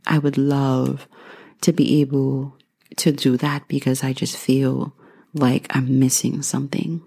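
A woman's voice: a bass voice, gravelly, dark tone, breathy edge. A woman in her thirties from Guyana, answering questions in a casual vlog with a reflective, dry sense of humor. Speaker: vlogger.

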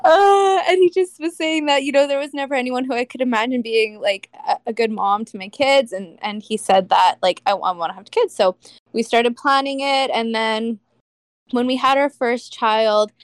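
A woman's voice: on the high side, normal speed, no echo, clean studio sound. A woman in her thirties, a podcast guest, talking in a casual, heartfelt way, with lots of fillers. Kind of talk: casual chat.

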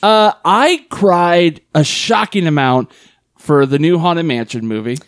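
Lively-voiced male podcast co-host. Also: on the high side, unhurried, clear, resonant tone, no room sound, studio quality. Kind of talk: casual chat.

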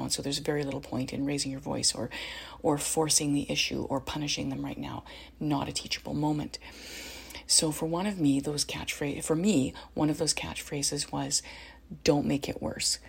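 A woman's voice: low voice, fairly even intonation, normal speed, vocal fry, breathy edge. A middle-aged woman giving parenting advice in a casual, earnest and encouraging way, often adding "you know" and "right?". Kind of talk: casual spoken advice talk.

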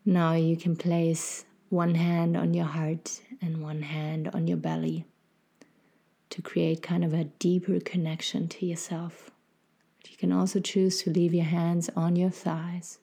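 A woman leading a guided meditation in a soft, gentle, soothing way, with phrases sometimes fading toward breathy near-whisper. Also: on the low side, level tone, a little slow. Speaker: podcast host and meditation guide.

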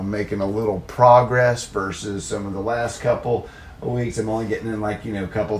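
A man with a low, gravelly, worn voice hosting a casual gaming podcast solo, in a meandering, self-deprecating way. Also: darkish tone. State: voice worn from talking over crowds of children. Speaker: podcast host. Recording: noticeable background noise.

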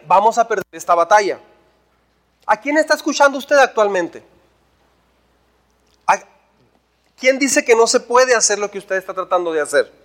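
Male pastor, high voice, animated sermon delivery with rhetorical questions.

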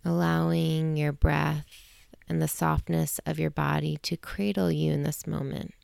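A woman guiding a sleep meditation in a slow, soothing, hushed way. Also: low voice, flat delivery, gravelly, dry recording. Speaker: meditation guide.

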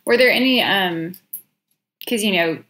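A woman host asking questions in a relaxed, casual way with "like" and "kind of". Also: mid-range voice, measured pace. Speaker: interview host. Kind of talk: conversational interview questions.

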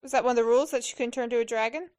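High-voiced, expressive woman. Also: rapid-fire. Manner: gushing, expressive. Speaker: movie reaction commentator. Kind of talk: casual film-watching chat.

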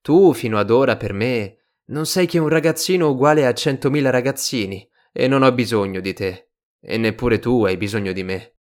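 A man voicing a patient, slightly melancholy fox in an audiobook reading, calm and reflective. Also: medium pitch, moderate pace, natural voice. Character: wise, gentle fox, patient and a little melancholy.

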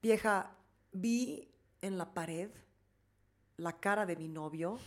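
A woman with a Bolivian Spanish accent speaks in a somewhat low voice, chatting casually. Her storytelling is candid and loose, full of restarts and fillers. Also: slow pace. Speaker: guest. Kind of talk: casual chat.

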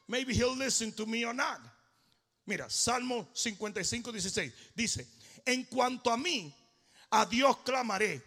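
Preaching man, shouted sung-out phrases, bright gravelly tone, echoing hall. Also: very high-pitched. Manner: fervent preaching, shouting and half-singing phrases. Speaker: pastor. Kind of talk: sermon. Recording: long hall reverb.

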